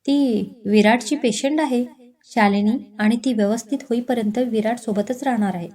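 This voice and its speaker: A woman's voice: on the high side, normal speed, dark tone, close to an everyday voice. A woman voicing a young woman who explains things carefully in a spoken storybook. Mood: explaining.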